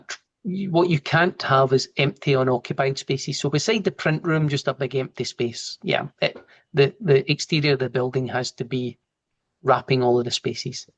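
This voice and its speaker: In an informal live online training over video call, a software trainer with a medium-pitched voice and thick Glasgow accent walks through his work step by step and responds to questions.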